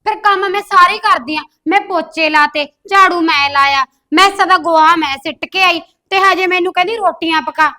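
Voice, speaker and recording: A woman's voice: extremely high pitch, normal speed, few pauses, pushed and bright, no room sound, clean studio sound. A woman playing a put-upon young sister-in-law. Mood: complaining. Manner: complaining, protests that she does all the work. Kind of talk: comedy skit acting.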